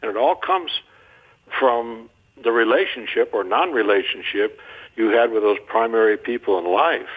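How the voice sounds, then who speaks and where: A man's voice: medium pitch, moderate pace. An older man talking as a guest on a radio interview, folksy and joking as he tells stories. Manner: folksy, joking, animated storyteller. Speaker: guest marriage counselor. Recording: tinny phone-line sound.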